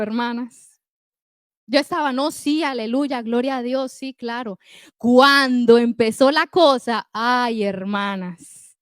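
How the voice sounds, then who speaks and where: A middle-aged woman delivers an emphatic, story-driven sermon in a high voice. She speaks directly to her listeners. The recording is dry and close, with no room sound. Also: no echo. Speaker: preacher.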